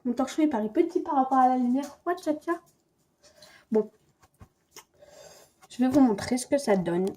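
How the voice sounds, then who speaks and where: A young cooking vlogger gives a playful, chatty home cooking demo in her kitchen, talking both to the viewer and to herself. Her voice is on the high side with a darkish tone. A camera mic propped on a stand picks her up, with slight background noise.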